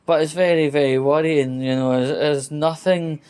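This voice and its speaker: In a casual walking monologue, a man from Scotland vlogs to camera through a train station and into a lift, rambling with fillers and restarts. He speaks at a moderate pace in a fairly high, darkish, clean-toned voice with fairly even intonation.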